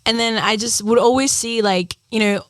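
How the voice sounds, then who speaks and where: A woman's voice: a little high, fairly even intonation, moderate pace, dry recording. Chatty young woman, dry close sound. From Ecuador. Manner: chatty, earnest, many "like" and "um" fillers. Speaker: singer-songwriter guest. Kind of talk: casual interview chat.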